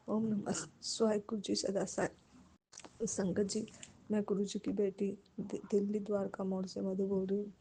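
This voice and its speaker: A woman's voice: mid-range voice, mellow. A woman sharing a devotional testimony, addressing the congregation respectfully in nearly every sentence.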